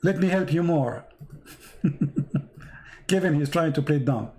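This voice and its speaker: A man's voice: on the high side, a little fast, darkish tone. A man, not an English speaker and losing his voice, hosts a live debate, reading out verses and pressing a caller with repeated questions. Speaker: debate host.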